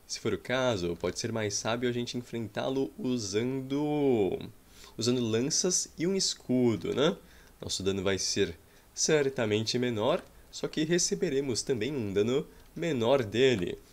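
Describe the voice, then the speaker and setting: Lively intonation marks the mid-range voice of this Brazilian streamer in his thirties, who speaks a little slowly. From a small home room, with game music faintly behind, he jokes over his own gameplay in a Brazilian Portuguese accent and exclaims and sighs at the action.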